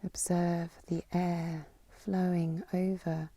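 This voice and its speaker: This female yoga nidra teacher leads a guided meditation with slow spoken instructions. Her lowish voice is soft, breathy and half-whispered, calm and unhurried with long pauses, captured close and dry with no room sound.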